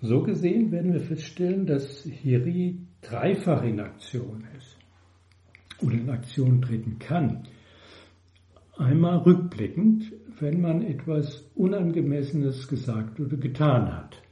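A man giving a measured, explanatory Buddhist dharma talk. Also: fairly high pitch, lively intonation, warm tone, reverberant, dull audio. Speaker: Buddhist teacher.

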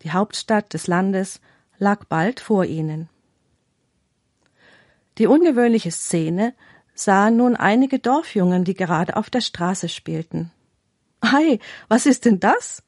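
A woman presenting a radio talk and reading a parable in a calm, clear, formal manner. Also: mid-range voice, takes it slowly, pauses often, dry recording, clean studio sound. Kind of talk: scripted storytelling reading.

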